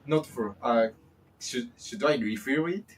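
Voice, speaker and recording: A man joining a casual lesson, speaking haltingly as he searches for his words. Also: mid-range voice, lively intonation, breathy edge, recorded from a distance. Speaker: guest co-host.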